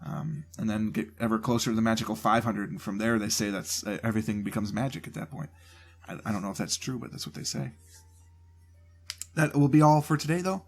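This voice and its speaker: Sick with a cold, a gaming channel host gives a rambling channel update in a lowish, congested voice at a fairly quick clip. He keeps breaking off his own sentences in a relaxed, loose way. His home desk mic picks up only his voice, with faint music in the background.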